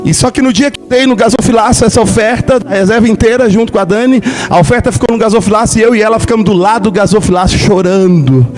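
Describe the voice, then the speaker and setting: A man's voice: fast, hardly any pauses, over music. A Brazilian man in his forties preaching a passionate sermon, telling his own testimony and rising to emotional peaks. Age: 40s. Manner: impassioned, swells to high emotional peaks.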